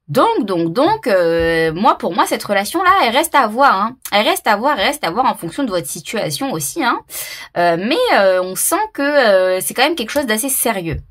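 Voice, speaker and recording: A woman's voice: medium pitch, very animated, moderate pace, fairly bright tone. A woman doing a casual tarot reading to camera, talking hesitantly with lots of fillers and repeated words, and laughing at herself. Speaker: tarot reader.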